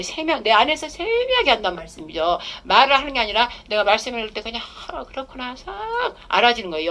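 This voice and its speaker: Quick talking lady pastor, bright voice, chatty and emphatic sermon, acts out her prayers. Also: mid-range voice. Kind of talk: testimony sermon.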